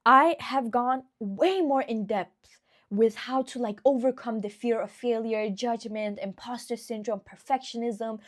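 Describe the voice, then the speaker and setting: A young woman giving earnest motivational advice straight to the viewer in a casual vlog, dropping to soft, near-whispered affirmations. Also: on the high side. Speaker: self-help vlogger.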